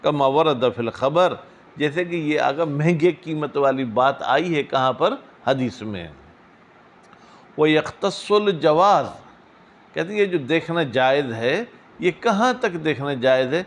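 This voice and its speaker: A man teaching a seminary class, reading Arabic phrases slowly, then explaining them in quick, questioning asides to his students. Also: fairly high pitch, expressive. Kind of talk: classroom lecture on a legal text.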